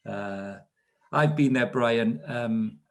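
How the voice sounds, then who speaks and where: Speaking very slowly in a medium pitch, this Welsh guest from South Wales, a man in his fifties, chats self-deprecatingly while telling stories about his life in a relaxed storytelling interview.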